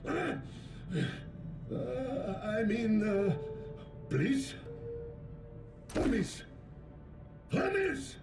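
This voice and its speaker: A man's voice: very high-pitched, very animated, extremely slow, long pauses, over music, heavily acted. An actor playing a vicious, scheming male spirit trapped in a bottle, sneering and then mock-polite. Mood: threatening.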